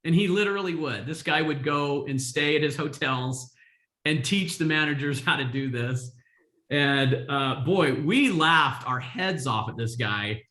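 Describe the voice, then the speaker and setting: A man's voice: on the high side, unhurried, sharp tone, echoey room. A man coaching real estate agents on a video call, telling stories energetically with frequent laughs. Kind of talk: live coaching session.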